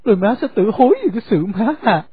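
A woman's voice: medium pitch, animated, quick pace, slightly rough. A woman voicing a devoted young husband who pleads earnestly with his mother. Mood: pleading. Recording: phone-like narrow sound.

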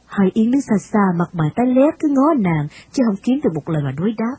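A woman reads a classic novel aloud at a steady, measured pace. Her voice is mellow, very husky and slightly high. Faint music plays behind her. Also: no echo. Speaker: narrator.

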